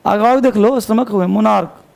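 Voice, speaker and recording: Speaking at a normal pace with vocal fry, a male English teacher with a high, slightly mellow voice and a Hindi-speaking North Indian accent runs a classroom grammar lesson. He spells words letter by letter and supplies the answers to his own questions.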